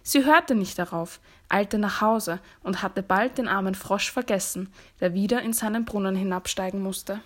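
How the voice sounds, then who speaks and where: A woman reading a fairy tale aloud as a storyteller, in a soft, hushed voice that sometimes drops to a whisper. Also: mid-range voice, moderate pace.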